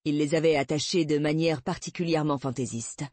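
A woman voicing a wry, steady male police detective, read in a dry, calm, patient manner. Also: low voice, brisk, no echo.

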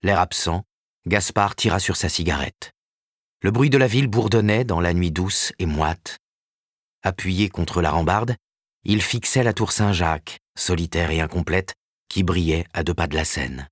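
A man narrating a novel with measured, expressive storytelling and a husky voice. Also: deep voice, no room sound, clean studio sound. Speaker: audiobook narrator. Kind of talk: scripted narration.

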